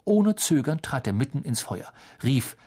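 Male audiobook narrator, animated and husky. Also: medium pitch, measured pace. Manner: lively, expressive storytelling. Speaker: audiobook reader. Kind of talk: scripted narration.

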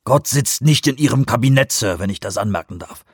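A man voicing a blunt, combative male CIA director in an audiobook reading, brusque and forceful. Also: mid-range voice, lively intonation, fairly quick, breathy edge, dry recording, studio quality.

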